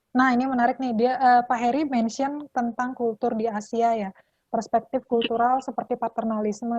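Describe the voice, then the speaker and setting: A woman moderating a webinar, briskly reading out audience questions. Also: a little high, warm tone, dry recording. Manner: brisk, reads questions quickly. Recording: dry, muffled call audio.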